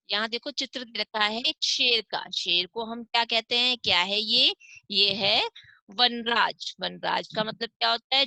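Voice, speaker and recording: A woman's voice: fairly high pitch, gravelly, pushed and bright, no echo. A woman teaching a primary school class online. She asks questions and answers them herself, and stretches out each sound as she drills pronunciation.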